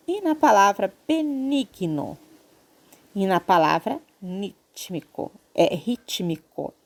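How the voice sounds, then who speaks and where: A woman's voice: mid-range voice, creaky. A woman teacher with a Brazilian accent, patiently explaining a grammar lesson to children and checking in often. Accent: Brazilian Portuguese. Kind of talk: online Portuguese lesson for children.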